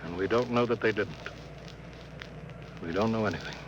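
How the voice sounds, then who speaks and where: An actor playing a suspicious, brooding starship captain in 1950s radio drama style, terse and commanding. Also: male voice, lowish voice, normal speed, lo-fi sound, natural voice. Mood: brooding, wary. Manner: terse, commanding, insistent questioning. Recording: noisy vintage radio drama recording.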